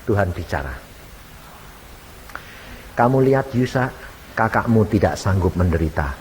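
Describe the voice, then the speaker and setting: A man's voice: on the low side, lively intonation, measured pace. A man preaching a storytelling sermon, acting out conversations in shifting voices. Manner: acts out dialogues in shifting voices. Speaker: evangelist preacher. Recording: hall reverb, faint hiss, old MP3.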